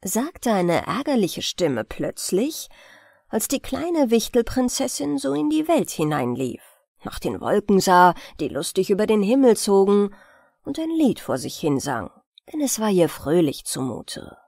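Slow, expressive woman reading a fairy tale. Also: medium pitch, creaky, no echo, studio quality. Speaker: audiobook reader. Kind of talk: storybook narration.

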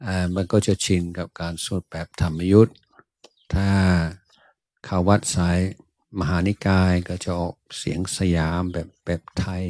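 Slow, deep-voiced monk teacher. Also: male voice, darkish tone, no echo. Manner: slow, thoughtful, many drawn-out "ah" pauses. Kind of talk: answering questions in a Dhamma talk.

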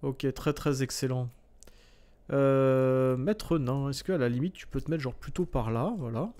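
A man's voice: medium pitch, measured pace, warm tone. A man giving casual, sarcastic commentary while playing a video game, swearing freely and muttering to himself. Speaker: gaming video host. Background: faint game music.

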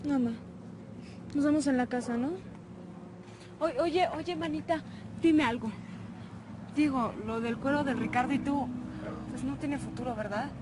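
Actress as young woman, high voice, slangy and teasing. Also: fairly even intonation, normal speed, long pauses, background noise, close to an everyday voice. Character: sassy young woman, teasing her sister.

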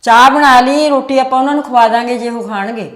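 A woman's voice: a little high, brisk, a bit bright, roomy sound. A woman with a Punjabi accent playing a scolding, bossy mother in a family skit.

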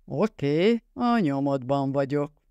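An audiobook reader voicing a scruffy, eager young man who is quick to take offense. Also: mid-range voice, animated, warm tone, clear, resonant tone, dry recording, lo-fi sound, natural voice.

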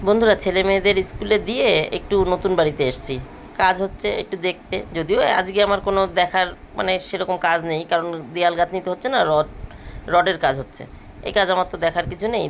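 A woman's voice: lowish voice, fairly even intonation, quick pace, a little hiss or hum. A woman talks casually to her viewers as friends while she moves through her chores. She is recorded on a handheld phone camera in her home and rooftop garden, with faint household ambience behind her. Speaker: vlogger. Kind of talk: casual daily-life vlog narration.

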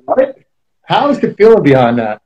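A New York man in his thirties hosts with a chatty, joking manner. His voice sits a little higher than most men's and comes over a video call. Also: huge pitch swings, normal speed, dark tone, dull audio. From Queens, New York. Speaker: talk show host. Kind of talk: casual interview chat.

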